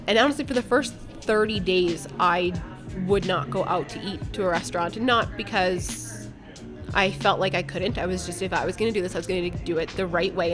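A woman guest on a podcast, telling a personal story in a candid, blunt way and swearing casually. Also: on the low side. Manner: candid, blunt, speaks her mind.

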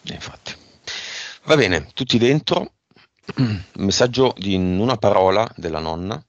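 A man leading an esoteric hypnosis session, asking brisk, directive questions. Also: on the low side, expressive, no room sound. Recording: dull lo-fi sound.

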